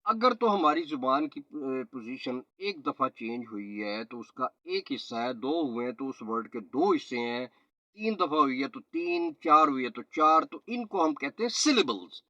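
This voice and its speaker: A man, a trainer explaining pronunciation in a slow, step-by-step lesson. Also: mid-range voice, sing-song, pushed and bright, dry recording. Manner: slow, explanatory, mixes in English phrases and tongue twisters. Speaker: IELTS and PTE trainer. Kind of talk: spoken teaching lesson. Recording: slightly dull, lo-fi audio.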